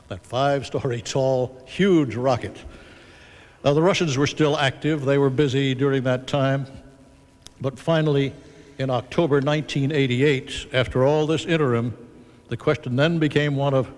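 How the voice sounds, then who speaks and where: A man's voice: mid-range voice, a little mellow. Man moderating in an echoing hall. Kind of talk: presenting a historical narrative to an audience. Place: large auditorium at a symposium. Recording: long reverb of a big hall.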